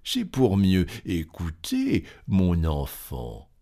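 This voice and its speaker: A hungry, sly wolf from a storybook speaks in slow, low, menacing tones, as a man reads him out. His voice drags with a sinister calm. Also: creaky, heavily acted.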